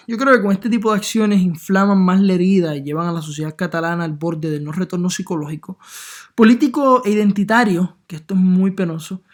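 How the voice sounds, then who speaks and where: A man from Puerto Rico with a Puerto Rican Spanish accent, giving an earnest opinion monologue full of hesitations and filler sounds. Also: high-pitched. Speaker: political commentator.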